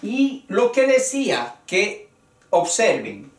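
A Spanish teacher giving a spoken grammar lesson, talking deliberately and counting out syllables one by one. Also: mid-range voice, wildly swooping pitch, distant mic. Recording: echoey room, voice away from the mic.

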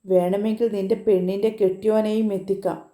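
Sly young troublemakers who egg their friend on with goading remarks, voiced by a woman narrating. Very dark, mellow tone in a roomy, echoing space. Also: mid-range voice, flat delivery, fairly quick, natural voice. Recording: roomy echo.

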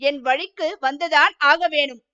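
A woman's voice: high voice, fairly even intonation, unhurried, bright, forceful tone, muffled recording. A woman voicing a fierce young male outlaw who threatens his captive harshly, in a storybook reading. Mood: menacing.

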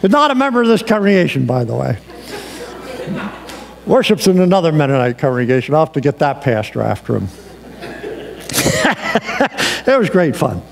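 A man's voice: a little high, very animated, moderate pace, creaky, long pauses. A male pastor preaching a sermon, telling a personal story in a conversational way with fillers, in a church sanctuary with long reverb.

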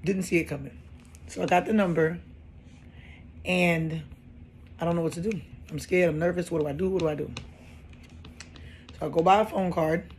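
A woman in her thirties telling a personal story in a casual, animated way, often repeating phrases for emphasis. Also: fairly low pitch, moderate pace, pauses often, slight background noise.

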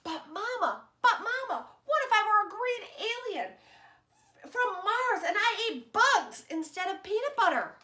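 Woman putting on a squeaky little kid begging mama, super bouncy voice, echoey room. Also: unhurried, exaggerated voice. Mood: eager pleading. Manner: excited, insistent questioning. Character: small child, eager and pleading. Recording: roomy echo.

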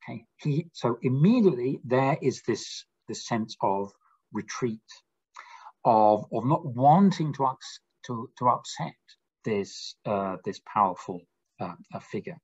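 Male lecturer, husky voice, muffled lo-fi recording, slow verse reading. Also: medium pitch, animated, darkish tone. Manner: slow deliberate recitation of quoted verse. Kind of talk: lecture reading and explaining a poem.

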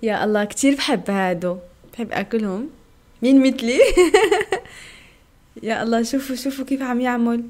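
A woman's voice: fairly high pitch, steady tone, fairly quick, pauses often, a little mellow. A young woman, reacting to food videos in a casual vlog, giggling often and exclaiming playfully.

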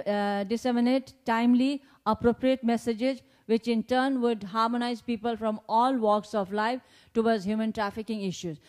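A woman with a Nepali accent, a native Nepali speaker, giving a lecture in a conference hall on a handheld microphone, reading slide points with pauses and restarts. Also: fairly high pitch, a little mellow. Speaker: guest lecturer.

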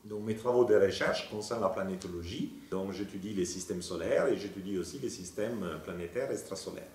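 An Italian planetary scientist, whose first language is Italian, explains his research in a thoughtful interview monologue with some hesitations, filmed in an office with bookshelves. His low, darkish voice moves a little fast, recorded off-mic in a roomy space with slight hiss or hum.

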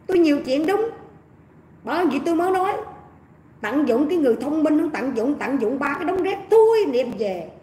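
A woman's voice: sits high, darkish tone. A woman with a Southern Vietnamese accent hosting a livestream, chatting in a gossipy, mocking way and addressing her viewers as family, recorded in an echoey room. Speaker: livestream host. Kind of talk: casual livestream commentary.

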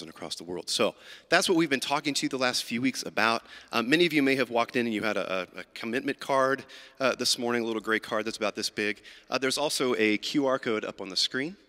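A man speaking as a pastor, giving church announcements in a casual, halting way, with many fillers and restarts. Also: medium pitch, bright, forceful tone. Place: church sanctuary. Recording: church livestream with long hall reverb.

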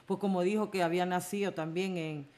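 A woman hosting a casual live stream, lively and teasing, often exclaiming and laughing. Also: fairly low pitch, brisk.

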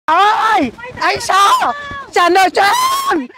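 A woman playing a young woman who loudly chases and scolds a man over an unpaid debt in a comedy skit. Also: very high-pitched, steady tone, brisk, a loud crowd, heavy background noise. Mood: furious. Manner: screaming, scolding, relentless. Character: shrill young woman hounding a debtor.

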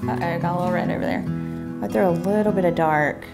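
A woman, giving a relaxed, chatty step-by-step painting tutorial at home, talking as she paints. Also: on the low side, fast talker, creaky, loud music behind the voice. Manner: relaxed, chatty, thinks aloud while painting. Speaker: painting instructor. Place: home room with a painting easel.

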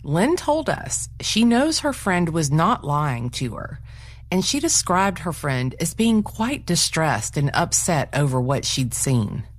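A woman hosting and narrating a true crime show in a measured, scripted delivery. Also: low voice, sing-song. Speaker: host, narrator.

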